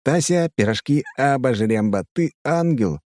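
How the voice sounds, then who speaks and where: A man's voice: medium pitch, expressive, a little slow, darkish tone, no room sound, studio quality, voice pushed up, close to an everyday voice. Man doing a cheeky wisecracking space woman. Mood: teasing.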